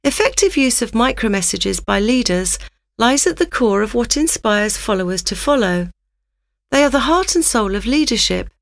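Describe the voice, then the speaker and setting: A woman giving a scripted, instructive narration in a measured reading manner. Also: a little high, lively intonation, gravelly, no echo, studio quality.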